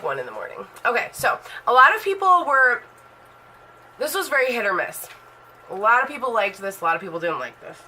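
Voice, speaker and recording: A woman in her thirties, a beauty vlogger, uses a highish, pushed and bright voice as she chats about her makeup collection in a casual vlog. Her talk is rambling and full of fillers, and the rough recording picks up slight background noise.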